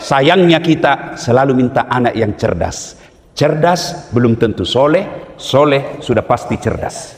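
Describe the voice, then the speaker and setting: Joking Bugis preacher in an echoey hall. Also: male voice, mid-range voice, unhurried. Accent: Bugis, South Sulawesi. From South Sulawesi, Indonesia. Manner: jokey, animated, sudden loud emphatic bursts. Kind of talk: humorous sermon.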